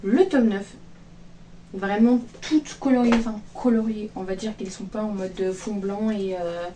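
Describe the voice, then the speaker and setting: A woman's voice: medium pitch, unhurried, distant mic. A woman chatting casually in a vlog, rambling with many fillers and restarts. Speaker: manga vlogger. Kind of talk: casual book haul chat. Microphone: phone.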